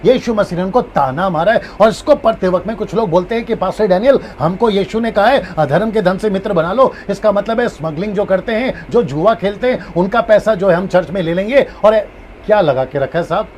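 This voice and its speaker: The pastor's high-pitched voice comes through with a little hiss or hum as he gives his Bible lesson on a live stream. Animated throughout, he acts out various tones and keeps restating his key points.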